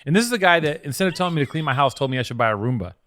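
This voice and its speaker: A man co-hosting a podcast, his voice a little higher than most men's. He talks in a rambling, profane way and swings his pitch widely as he tells a story. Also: animated, rapid-fire, a bit bright. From Venice, California. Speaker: podcast co-host. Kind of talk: casual chat.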